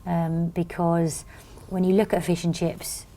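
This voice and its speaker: Give me a bubbly British woman telling a story in a lower voice. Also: level tone, a little slow, warm tone. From Britain. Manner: bubbly, tumbling storyteller with many restarts. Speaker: magazine editor, guest. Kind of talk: lively interview chat.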